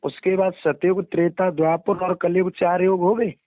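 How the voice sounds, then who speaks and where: This is a young man's high-pitched voice, delivered flatly at a moderate pace and recorded dry. He's a religious storyteller explaining things deferentially in a casual phone conversation, captured as a recorded call with narrow, dry sound.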